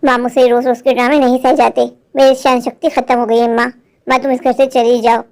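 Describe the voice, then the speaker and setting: A woman's voice: a little high, flat delivery, a little fast, darkish tone, natural voice. A woman voicing a young husband caught between his mother and wife in a cartoon, speaking in a pleading, resentful way. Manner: pleading, then firm and resentful. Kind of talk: animated Hindi cartoon voice acting.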